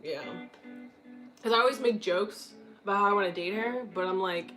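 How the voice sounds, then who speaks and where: A young woman talks straight to her livestream audience in a loose, unfiltered way, cursing freely and breaking into giggles. Her voice sits at an ordinary middle pitch. Soft guitar music plays faintly underneath. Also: moderate pace, low-quality recording. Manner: candid, swears a lot, giggles often. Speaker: streamer answering viewer chat. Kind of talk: casual livestream chat.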